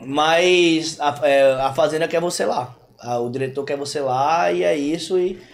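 A young Brazilian man, a guest, telling a story in slangy, animated casual chat on a podcast. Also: fairly high pitch, a little slow, vocal fry.

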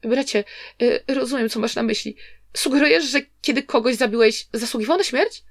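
A woman's voice: on the high side, brisk, no room sound, clean studio sound, lightly acted. A woman voicing a scheming young nobleman who pleads and questions defensively. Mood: plaintive. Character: scheming young nobleman, plaintive and self-pitying.

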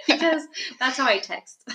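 A young woman co-hosting a podcast, telling a folk tale in a rambling, animated way and laughing often. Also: sits high, a little hiss or hum. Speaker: podcast co-host. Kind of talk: casual storytelling chat. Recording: echoey room.

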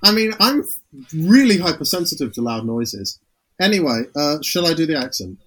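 A man's voice: a little high, very animated, moderate pace, fairly bright tone, slight background noise, poor audio. A man co-hosting a podcast in casual chat over a remote call, talking in hesitant stops and restarts. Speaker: podcast co-host.

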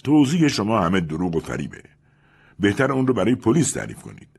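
A man's voice: fairly low pitch, huge pitch swings, creaky, slightly rough, pitched above the performer's own voice, heavily acted. A man voicing a wronged rich man in an audiobook, stern and accusing. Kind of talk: audiobook character reading.

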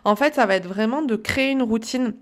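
A woman wellness coach giving casual spoken advice to listeners, chatty and full of pauses with "euh" and "hop". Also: on the high side.

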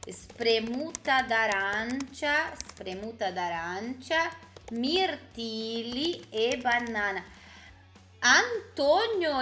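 A woman teaching a live language lesson, reading out viewer comments and repeating words slowly and clearly for learners, with playful chatty asides. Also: a little high, sharp tone. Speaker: Italian teacher.

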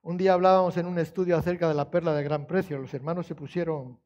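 High-voiced preaching man. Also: steady tone, quick pace, dull audio. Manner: conversational preaching with rhetorical questions and scripture quotes; swings between soft, low storytelling and raised emphatic passages. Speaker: pastor. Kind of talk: sermon.

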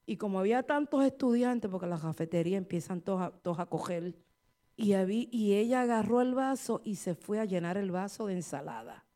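Middle-aged woman preaching in church, goes from quiet storytelling to loud and fired up. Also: a little high. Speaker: church speaker giving testimony. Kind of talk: preaching and testimony.

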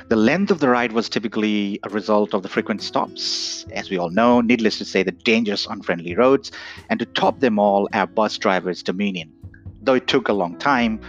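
Guy from nepal giving an earnest talk, dull lo-fi sound, faint guitar behind. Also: on the low side. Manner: earnest, measured, says "right?" often. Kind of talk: reflective talk.

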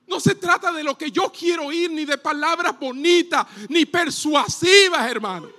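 A male pastor preaching a sermon from a church platform, rising to shouts on key points. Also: very high-pitched, normal speed. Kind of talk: sermon with live demonstration.

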